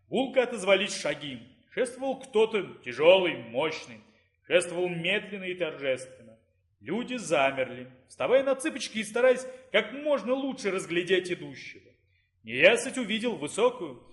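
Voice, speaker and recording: A man's voice: high-pitched, a bit bright, echoey room. A man narrating a fantasy audiobook expressively.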